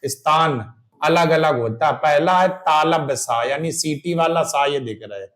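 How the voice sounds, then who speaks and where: Male hindi teacher, exam-prep lesson, slow, repeats examples, higher voice. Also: a bit bright. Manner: slow, repeats examples aloud, asks and answers his own questions.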